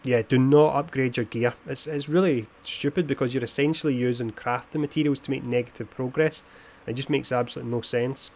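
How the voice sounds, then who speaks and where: A man's voice: medium pitch, fairly even intonation, brisk, hardly any pauses, a little mellow. A man streaming a video game, casually explaining its gear system between chatter with players, in a self-described posh voice. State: had a beer. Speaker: gaming streamer. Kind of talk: casual live-stream commentary.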